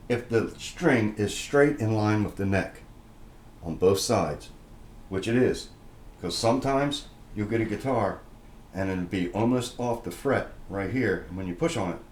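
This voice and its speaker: A man's voice: lowish voice, a little slow, darkish tone, a little hiss or hum. A man casually walking through a guitar inspection in a plainspoken, folksy way, explaining each check step by step. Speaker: guitar reviewer. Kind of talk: casual hands-on product walkthrough.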